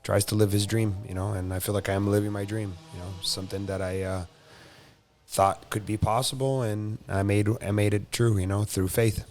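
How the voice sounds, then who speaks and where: A man's voice: lowish voice, steady tone, normal speed, darkish tone, soft background music. A man from Brazil raised in South Florida, a jiu-jitsu competitor telling his story casually with lots of fillers. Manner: rambling, frequent "you know" and "uh" fillers. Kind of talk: casual interview chat.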